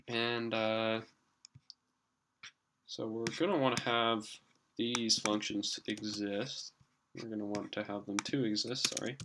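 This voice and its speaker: A young man hosting a coding tutorial in a casual, rambling monotone, with fillers and self-corrections. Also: fairly low pitch, background noise. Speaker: programming tutorial host. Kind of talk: screen-recorded coding tutorial.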